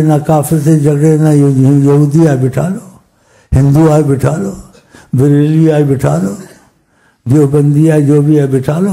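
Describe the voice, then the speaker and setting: A man's voice: fairly high pitch, mellow. A man with a Pakistani Urdu accent giving an informal religious talk to followers, retelling stories in dialogue and asking his listeners questions. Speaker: Sufi sheikh teaching followers. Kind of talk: informal religious teaching with storytelling.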